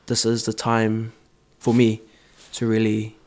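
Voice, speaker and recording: A man's voice: on the low side, monotone, slow, a little mellow. A young man, a choreographer answering interview questions earnestly, with many ums and restarts. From born in Samoa, raised in New Zealand. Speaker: dancer and choreographer guest.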